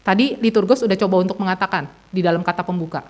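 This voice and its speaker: A woman's voice: medium pitch, fast. A woman pastor giving a conversational sermon to young people in a church meeting room, telling stories and asking the listeners questions. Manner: chatty storytelling with tag questions to the listeners. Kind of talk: conversational sermon to a youth congregation.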